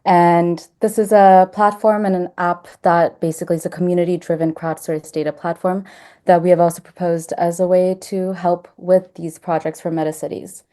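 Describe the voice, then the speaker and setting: Low, mellow-voiced woman presenting. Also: normal speed. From Denmark. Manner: explanatory, steady, with fillers. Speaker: startup marketing director presenting. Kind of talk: webinar presentation. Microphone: video call.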